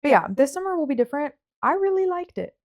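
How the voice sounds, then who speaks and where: High-pitched, sing-song and fast, this woman's voice carries a casual book chat on her podcast. She talks informally, hedges a lot and drops in "like" frequently.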